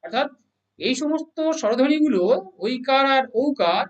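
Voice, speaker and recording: A grammar teacher gives an exam-prep lesson, asking questions, answering them, and repeating each definition slowly. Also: high-pitched, animated, muffled recording. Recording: voice a little far from the mic.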